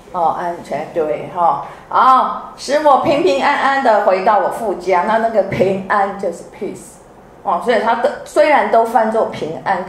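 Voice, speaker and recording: A middle-aged woman with a Taiwanese Mandarin accent gives a sermon as a pastor's wife, lively and often asking the audience questions. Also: mid-range voice. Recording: echoey hall with faint background noise.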